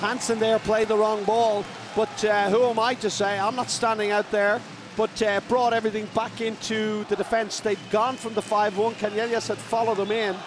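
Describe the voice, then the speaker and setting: A man giving live handball commentary in short, emphatic, excitable phrases. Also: high voice, normal speed, noisy background. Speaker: sports commentator. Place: large indoor sports arena with crowd.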